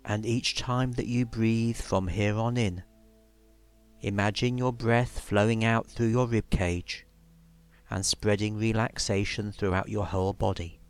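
A man with a fairly low voice guides a relaxation session over soft background music. He speaks very slowly and soothingly. Each instruction is measured and followed by a long pause. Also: fairly even intonation, smooth.

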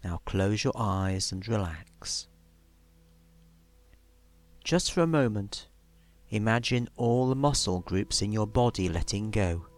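A man leading a guided relaxation in a soothing, measured way, leaving long pauses between instructions. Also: fairly low pitch, animated. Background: music.

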